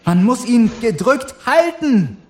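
A man voicing a spirited young woman companion in an audiobook, high and urgent. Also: big pitch swings, takes it slowly, full character voice. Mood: frantic.

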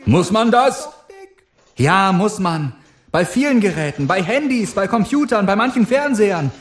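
A man voicing a spirited young woman companion in an audiobook, high and urgent. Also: animated, normal speed. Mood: frantic.

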